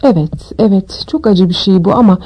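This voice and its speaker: A woman voicing a stern, anxious older female professor who speaks in urgent hushed tones, in a storybook reading. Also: medium pitch, a little fast, slightly rough, lightly acted, rough recording.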